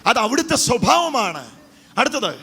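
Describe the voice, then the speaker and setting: Preacher guy with a bright voice getting the crowd to shout back, handheld mic. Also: very high voice, sing-song, measured pace, husky. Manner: urging the congregation to repeat aloud. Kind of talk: call-and-response sermon. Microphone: handheld microphone. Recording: echoey hall reverb.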